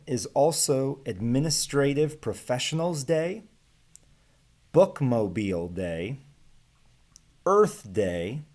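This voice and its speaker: Speaking to camera from a small home room with bookshelves, an American teacher in his thirties reads aloud to students in a relaxed lesson. His mid-range voice has a darkish tone, and he explains in simple, plain words, pausing often. A webcam or laptop microphone at desk distance records him.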